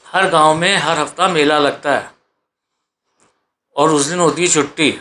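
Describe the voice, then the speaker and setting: A man's voice: fairly high pitch, fairly even intonation, unhurried, pushed and bright. A man vlogging at home in a preachy monologue, repeating himself and firing off rhetorical questions. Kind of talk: exhortative monologue. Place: sitting on a sofa at home.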